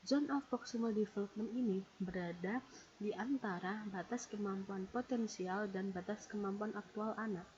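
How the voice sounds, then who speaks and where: A woman presents a read-out lecture in a warm, mellow voice, steadily numbering each point as she explains. The recording is dull and lo-fi, with a faint hiss underneath. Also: mid-range voice, normal speed. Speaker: presenter explaining a psychology theory.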